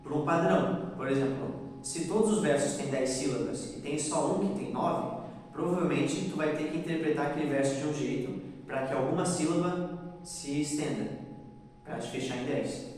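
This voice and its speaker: A man's voice: a little high, moderate pace, darkish tone, a little hiss or hum. A man teaching a class on poetic meter, patiently checking that students follow. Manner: patient, checks understanding often. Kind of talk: classroom lecture on poetry. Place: bar or venue room. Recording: echoey room, voice from a distance.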